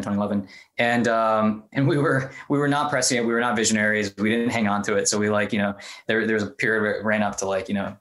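A man with a fairly low voice, from the US Midwest, talks as a podcast guest. His speech is loose and relaxed, full of ums and restarts. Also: low-quality recording. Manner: relaxed, many fillers, loose and chatty. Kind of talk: casual interview talk.

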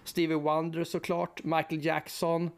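A man's voice: on the high side, monotone. A man co-hosting a podcast, chatting casually about a film and rattling off long lists of names, correcting himself as he goes. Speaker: podcast co-host.

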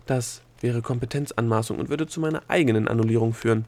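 A man's voice: mid-range voice, fast, darkish tone, lightly acted. A man voicing a cool, pedantic female bureaucrat in an audiobook. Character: prim female brain bureaucrat. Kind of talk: audiobook character voice.

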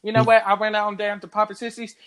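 A man playing a loud, melodramatic twin in a comedy skit who keeps switching fake accents, rambling as he talks. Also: high-pitched, completely flat delivery, fast, over a noisy crowd, pitched above the performer's own voice, natural voice. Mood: indignant. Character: dramatic campy adult twin, flip-flops between fake accents.

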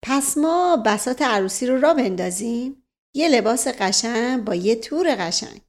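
A middle-aged nobleman speaks gently and persuasively, with a teasing edge, as a woman reads him. The voice stays fairly high and soft. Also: animated, close to an everyday voice. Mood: coaxing.

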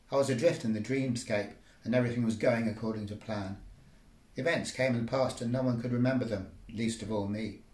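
A man's voice: on the low side, a little mellow. A man reading surreal micro-fiction aloud in a wry, rambling, dreamlike way. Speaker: storyteller. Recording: roomy echo.

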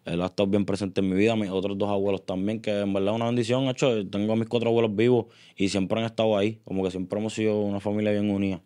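Young Puerto Rican man, smooth low voice. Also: quick pace, few pauses. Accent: Puerto Rican Spanish. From Puerto Rico. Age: 20s. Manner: relaxed, rambling, frequent fillers. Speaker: guest singer. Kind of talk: casual interview chat.

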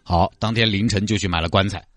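A man with a Sichuan accent narrating a comic story in a brisk, matter-of-fact way. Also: on the low side, steady tone, a bit bright, no room sound, clean studio sound.

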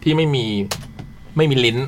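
A man hosting a casual chat, relaxed and playful, laughing often and asking easy questions. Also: moderate pace, a little hiss or hum. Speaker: podcast host.

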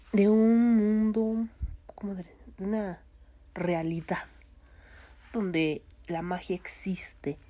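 A woman with a Mexican accent talks to her viewers in an unhurried, rambling vlog chat. Her voice sits a little low and sounds dark and mellow. She leans on fillers and throws in casual swearing. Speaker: vlogger.

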